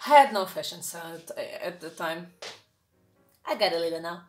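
Speaking at a moderate pace in a lowish, animated voice, a young woman from Portugal chats to camera in a small, bright room at home. Her Portuguese accent comes through, she uses lots of fillers and restarts, and the camera mic a few feet away picks up roomy sound over soft background music.

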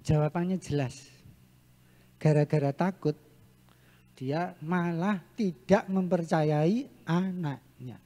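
A man giving a seminar talk on parenting, lively and often acting out what parents and children say. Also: on the high side, slow, pauses often. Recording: echoey hall.

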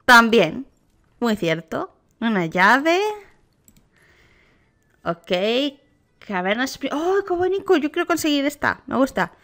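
A Spanish woman with a Spain accent commenting casually on a video game as a youtuber. Her voice is bright and a little high, and her pace is slow. She breaks into excited, gushing exclamations as she reacts. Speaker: gaming youtuber.

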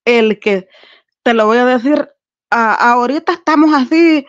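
A woman's voice: a little high, measured pace, dull audio. A woman calling into a live stream, earnest as she tells a personal story. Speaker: guest caller. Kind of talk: casual chat on a live stream.

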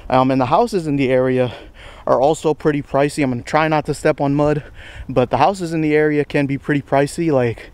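A man's voice: fairly high pitch, steady tone, a little fast, a little mellow, clean tone, no room sound. A man in his twenties talking casually to the camera while walking a wooded trail, rambling in slang and a little out of breath. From United States. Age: 20s. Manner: rambling, slangy, self-deprecating, says bro a lot. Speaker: vlogger. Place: outdoors on a wooded estate trail.

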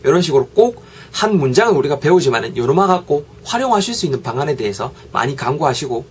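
Lively Gyeongsang-accented English teacher. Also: male voice, a little high, fast, husky. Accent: Gyeongsang Korean. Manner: lively, repeats model phrases for drilling. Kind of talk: online English lesson.

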